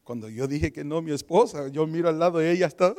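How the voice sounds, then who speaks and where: A man preaching a sermon, telling a personal testimony and acting out the voices of the people in it. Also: fairly high pitch. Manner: animated storytelling with quoted voices. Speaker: pastor.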